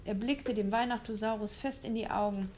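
A woman reading a children's story aloud, lively and expressive, with small slips. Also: medium pitch, a little fast, a little hiss or hum.

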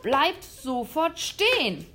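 A woman voicing a gruff male hunter who shouts threats in a storybook reading. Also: high voice, big pitch swings, slow, pitched above the performer's own voice, heavily acted. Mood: furious. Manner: shouting, stammering when shocked.

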